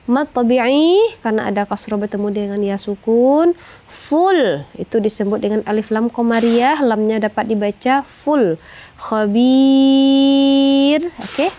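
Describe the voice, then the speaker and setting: A woman teaching Quran recitation rules, explaining slowly and singing verses in long melodic phrases. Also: medium pitch, dark tone. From Indonesia. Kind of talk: tajwid lesson with sung recitation.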